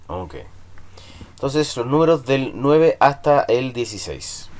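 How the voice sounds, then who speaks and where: A man teaching English in Spanish, drilling numbers slowly and patiently for students to repeat. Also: medium pitch, sing-song, a little mellow.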